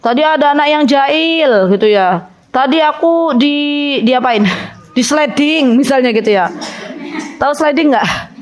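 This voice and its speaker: A woman's voice: high-pitched, unhurried. A woman preacher giving a sermon to a women's study group, acting out parents and children in her stories. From Indonesia. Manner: lively, acts out parents and children in quoted lines. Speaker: Islamic preacher.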